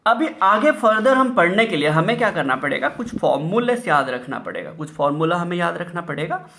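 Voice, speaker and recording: A man's voice: high voice, very animated, a little fast, vocal fry, bright, forceful tone. A man teaching math, repeating key terms and asking rhetorical questions, mixing Hindi and English. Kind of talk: classroom-style lecture.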